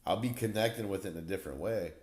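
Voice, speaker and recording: A man in his forties hosts a casual podcast chat, talking very fast in a low, slightly mellow voice. He's talkative and slangy and laughs easily, and the recording carries a roomy echo.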